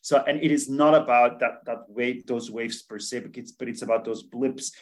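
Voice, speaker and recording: A man's voice: medium pitch, fairly even intonation, normal speed. A man from Belgium, answering interview questions earnestly as an expert guest, often restarting and repeating words. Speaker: podcast guest, food policy expert.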